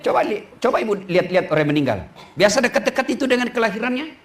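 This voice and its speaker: A middle-aged man preaching a humorous sermon to women, teasing his listeners and slipping into slow sung quotes. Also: sits high, expressive. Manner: joking, teasing the audience.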